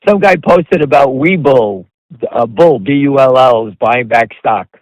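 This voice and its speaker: Speaking at a measured pace in a mid-range, somewhat dark voice, a man hosts a stock commentary call on the fly, addressing listeners directly. His delivery is blunt, emphatic, conversational and repetitive. The audio is rough, with no room sound.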